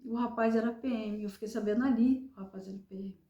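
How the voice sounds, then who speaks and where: Brazilian lady, kinda high but soft warm tone, halting and repeating herself as she tells her story. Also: fairly even intonation, echoey room, muffled recording. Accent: Brazilian Portuguese. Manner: earnest, repetitive, halting retelling. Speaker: survivor telling her story. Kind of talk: emotional personal testimony.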